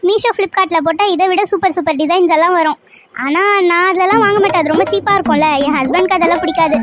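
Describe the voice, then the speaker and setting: A woman's voice: very high-pitched, quick pace, fairly bright tone, soft background music. A woman voicing a boastful, fussy middle-aged aunt arranging a wedding in a cartoon serial.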